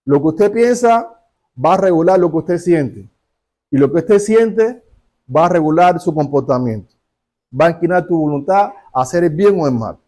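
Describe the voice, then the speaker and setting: A man's voice: on the high side, expressive, normal speed, warm tone. A male pastor preaching a sermon, telling stories and asking the congregation rhetorical questions.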